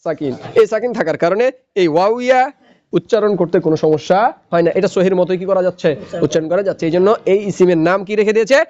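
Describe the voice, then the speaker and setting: A man teaches grammar in a lecture, his voice sitting high. He keeps asking questions and answering them himself. The recording sounds muffled and lo-fi. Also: fast talker, darkish tone. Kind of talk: classroom lecture.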